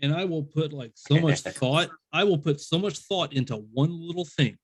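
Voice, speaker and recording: A man's voice: a little high, normal speed, breathy edge. A man hosting a casual interview, rambling through stories and acting out what people said. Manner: rambling storyteller, acts out quoted voices. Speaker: podcast host.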